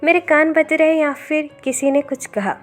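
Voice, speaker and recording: A woman's voice: high-pitched, steady tone, moderate pace, soft background music, pitched above the performer's own voice, natural voice. A woman voicing a cold, teasing young husband in a storybook read-aloud, speaking with a mocking edge.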